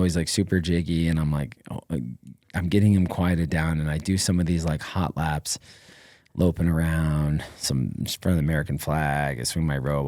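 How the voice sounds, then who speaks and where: A middle-aged man, a former Navy SEAL, telling stories as a guest in a casual podcast interview, with lots of fillers and an energetic, rambling style. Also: low voice, no room sound, clean studio sound.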